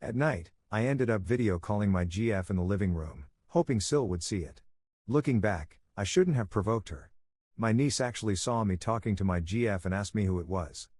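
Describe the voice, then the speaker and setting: Low-voiced man reading a forum story. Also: animated, moderate pace, darkish tone, dry recording. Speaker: storytime narrator.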